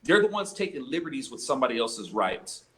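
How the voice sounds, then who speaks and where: An American man giving conversational commentary as an interview guest, haltingly, often repeating words as he starts a phrase. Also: mid-range voice, sing-song, fairly bright tone.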